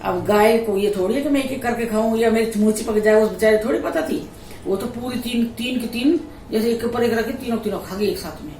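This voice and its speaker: Vlogger mom, middle-aged woman, lively laughing storyteller; a bit off-mic in an echoey room with faint background hum. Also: a little high, fairly quick. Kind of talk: casual storytelling chat. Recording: echoey room, voice a little distant.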